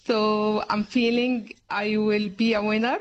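This is a woman with an Egyptian accent giving a radio interview. She talks at an unhurried, deliberate pace in halting English. She breaks into light laughter often. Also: mid-range voice, level tone, lo-fi sound. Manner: halting non-native English with frequent laughs. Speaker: interview guest.

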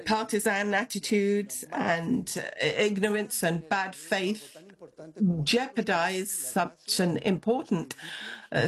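A woman speaking as an interpreter, giving a translation voice-over of a minister's speech in a news report, halting with filler pauses. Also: mid-range voice.

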